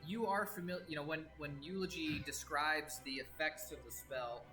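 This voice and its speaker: A man narrating as game master of a tabletop game, describing scenes with many pauses and restarts. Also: on the high side, bright, forceful tone, soft background music, rough recording. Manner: halting, full of fillers and restarts, descriptive.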